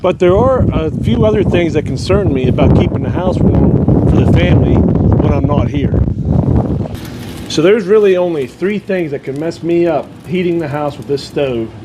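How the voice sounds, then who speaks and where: This Ohio man vlogs about his homestead, strolling casually around the farm and down into the basement while joking about his woodstove, laughing as he goes, even though he's losing his voice. He sounds a little high, with lively intonation at a normal pace, and the recording is very noisy.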